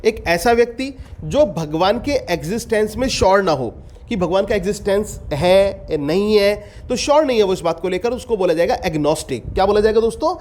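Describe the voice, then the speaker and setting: A man, teaching an exam-prep vocabulary class. He reads each definition slowly, explains it, and repeats the answer as a question to his students. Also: sits high, expressive, darkish tone. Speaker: English teacher.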